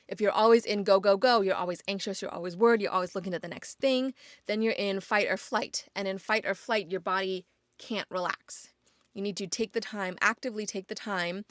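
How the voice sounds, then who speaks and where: A woman's voice: medium pitch, a bit bright, no echo, clean studio sound. A young woman hosting her own podcast, talking casually and encouraging listeners, repeating phrases for emphasis. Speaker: podcast host. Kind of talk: casual solo podcast monologue.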